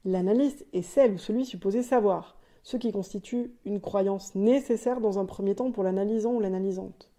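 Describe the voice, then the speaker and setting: Mellow-voiced woman hosting a podcast. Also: mid-range voice, moderate pace, few pauses. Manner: didactic, explanatory, with light asides. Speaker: podcast host. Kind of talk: scripted solo podcast monologue.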